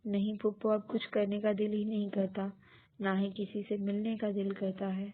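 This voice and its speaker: A woman voicing a heartbroken, withdrawn young woman who speaks quietly and wearily. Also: mid-range voice, completely flat delivery, close to an everyday voice. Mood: weary. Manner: quiet, weary. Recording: tinny phone-like audio.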